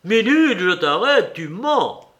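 A man voicing a mocking, relentless blackmailer who jeers and presses his demands loudly. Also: high-pitched, big pitch swings, slow, voice pushed up, heavily acted. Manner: raised, jeering, emphatic.

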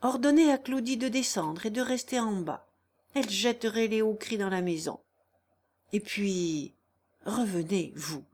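A woman voicing a calm, grave male country doctor who speaks in a cool, matter-of-fact way. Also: mid-range voice, unhurried, natural voice.

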